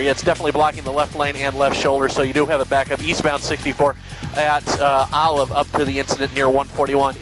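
A man's voice: a little high, low-quality recording. A man giving a live airborne traffic report from an aircraft, partly off the cuff. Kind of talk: live traffic report, unscripted then sponsor read. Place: in an aircraft over the city.

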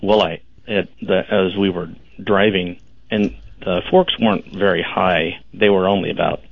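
A man in his fifties calling in to a talk show over a crackling, distorted phone line, telling his story in a halting, dry way. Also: sits low, fairly even intonation, vocal fry, dry recording. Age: 50s. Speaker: caller. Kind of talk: casual call-in chat.

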